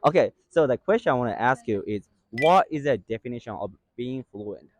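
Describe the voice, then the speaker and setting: Animated male street interviewer. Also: medium pitch, a little fast. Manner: frequent murmured agreement, animated questions. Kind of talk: casual interview.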